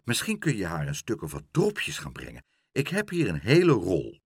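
A man's voice: deep voice, wildly swooping pitch, normal speed, vocal fry, slightly rough, dry recording, studio quality, heavily acted. A man voicing an eager, kind young boy in a children's storybook. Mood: helpful.

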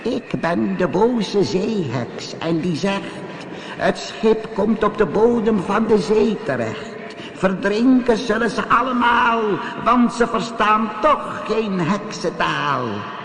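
A man voicing an angry, spiteful female sea witch in a storybook reading, with a shrill manner. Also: animated, slow pace, a bit bright, a little hiss or hum, full character voice. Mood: menacing.

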